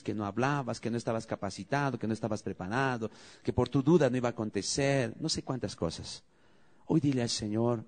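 Lively-voiced male pastor preaching. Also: medium pitch. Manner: preaching with rising emphatic calls and questions to the congregation. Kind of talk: sermon.

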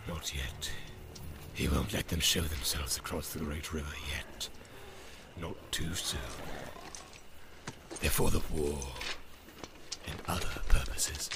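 Male narrator as a sly sinister orc, very low and gravelly, hissing menace, noisy audiobook track. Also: steady tone, slow, long pauses, full character voice. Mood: menacing. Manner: snarling, drops to menacing whispers.

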